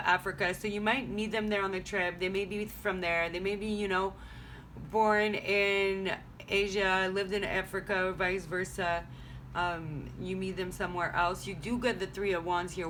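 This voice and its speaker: A French-speaking woman reads tarot cards at home for a casual vlog, rambling and thinking aloud as she goes. Her voice sits on the low side with a slightly bright quality, and there's a little background noise.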